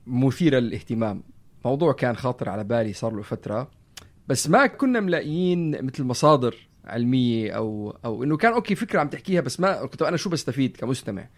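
A man in his thirties with a Levantine Arabic accent, hosting a casual podcast in an animated way, repeating phrases for emphasis. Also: mid-range voice, brisk. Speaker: podcast host. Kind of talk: casual conversational podcast chat.

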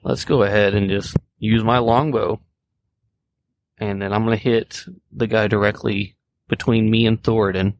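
A man playing a tabletop game, describing his character's moves in a playful, excitable way. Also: lowish voice, moderate pace. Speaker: player.

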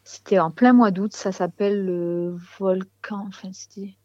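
A woman musician talks casually in an interview, often pausing to search for the right word. Her voice sits at an average pitch. The sound is very dry and a little dull. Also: darkish tone, no room sound. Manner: hesitant, searching for words.

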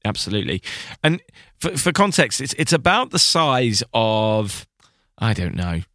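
A man's voice: mid-range voice, very animated, unhurried, bright, forceful tone, no room sound, studio quality. A man co-hosting a podcast in casual chat, chatty and often restarting his sentences. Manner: chatty, self-correcting, laughs often. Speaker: podcast co-host.

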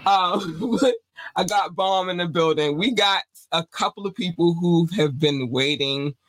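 A man's voice: high voice, unhurried, rough recording. A man hosting a casual interview, talking loosely with frequent laughs and swearing. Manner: excitable, swears freely, laughs often. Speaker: host.

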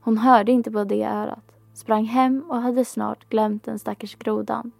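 Woman, fairy tale reader, calm and measured, slightly high, gravelly, dry close sound, faint music. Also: no echo. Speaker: storyteller. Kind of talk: fairy tale read aloud.

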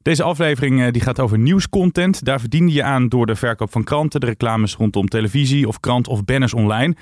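A male podcast host leads a casual chat, easygoing with a teasing edge. His voice is mid-pitched and the sound is dry and close. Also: fairly quick, a little mellow, no echo.

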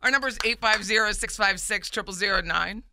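A woman co-hosting a radio show from a studio desk, talking in a lively, emotional way and telling stories with feeling. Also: medium pitch, brisk, dry recording. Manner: emotional, animated storyteller. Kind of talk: casual radio chat. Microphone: studio microphone.

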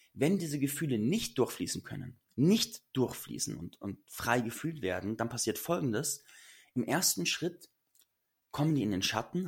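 A man's voice: mid-range voice, breathy edge. A man giving casual but earnest relationship advice to listeners, emphatic and slangy.

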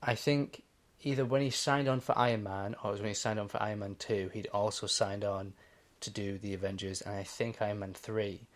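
A man's voice: fairly low pitch, steady tone, a little fast. A man co-hosting a podcast in casual chat, explaining his views at length with many "you know"s. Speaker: podcast co-host.

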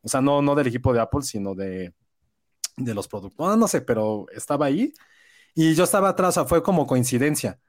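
A man with a Mexican accent, telling an animated anecdote in casual podcast chat. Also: medium pitch, a little fast. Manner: animated storyteller, acts out quotes. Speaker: podcast co-host.

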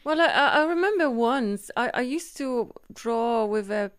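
A woman with a fairly high voice talks casually on a podcast microphone. She speaks hesitantly, repeating words and searching for the next phrase. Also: expressive, moderate pace, clear, resonant tone. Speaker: podcast co-host. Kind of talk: casual chat.

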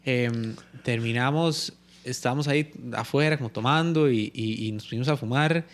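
A man's voice: mid-range voice, normal speed. Costa Rican man telling a story. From Costa Rica. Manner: storytelling, acts out quoted voices, laughs often. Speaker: comedian, podcast co-host. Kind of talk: casual chat among friends.

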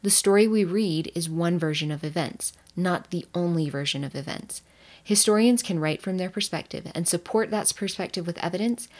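A woman's voice: fairly low pitch, a little mellow. A woman who is a history teacher, giving a scripted educational narration with playful, jokey asides.

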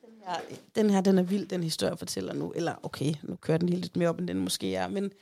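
Woman in her thirties, casual podcast chat, animated storyteller, gravelly voice. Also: fairly low pitch, slight background noise. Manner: chatty, animated, acts out quotes. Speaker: podcast host.

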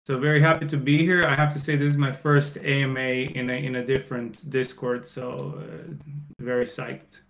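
Man from Croatia, thirties, podcast guest, hesitant with fillers, gravelly, monotone. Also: mid-range voice, rough recording. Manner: thoughtful, many fillers and pauses. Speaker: podcast guest, startup co-founder. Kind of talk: casual interview answers.

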